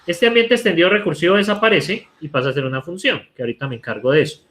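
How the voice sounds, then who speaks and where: A man's voice: on the high side, fast talker, a bit bright. A male university lecturer from Colombia with a Colombian Spanish accent, explaining code live and checking in with students by asking "right?" again and again. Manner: talks while typing code, asks rhetorical "¿cierto?" often. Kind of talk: live online coding lecture.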